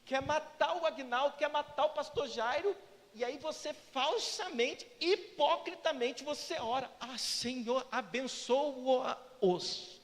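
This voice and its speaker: A Brazilian-accented male pastor preaches in a strikingly high voice, acting out prayers and little dialogues as he goes. He keeps turning to the congregation for answers. His voice rings out with the long reverb of a church hall. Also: measured pace, slight background noise. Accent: Brazilian Portuguese. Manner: lively preacher who acts out prayers and dialogues; asks the congregation for responses. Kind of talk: sermon. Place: church sanctuary.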